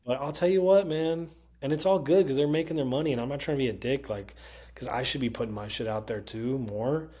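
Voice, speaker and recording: A male comedian with a Connecticut accent telling animated, profane stories in casual chat and mimicking other people's voices. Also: mid-range voice, brisk, breathy edge. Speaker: comedian guest. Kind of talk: casual storytelling.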